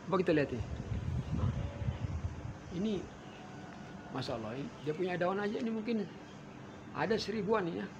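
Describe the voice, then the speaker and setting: Man with a gravelly voice showing trees outside, faint noise around, calls viewers fellow farmers. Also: high voice, brisk, pauses often, dull audio. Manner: addresses viewers as fellow farmers, explains while pointing. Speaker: durian farmer. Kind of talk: farming tutorial. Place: outdoors at a durian orchard.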